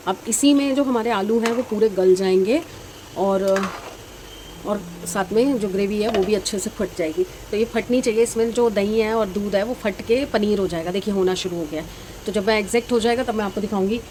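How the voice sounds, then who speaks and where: Middle-aged woman, home vlogger, chatty running commentary over cooking, mid-pitch voice, clear kitchen sizzle underneath. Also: brisk, warm tone, rough recording. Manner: chatty, talks through her chores. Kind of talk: casual home vlog narration. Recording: frying sizzle and household noise behind.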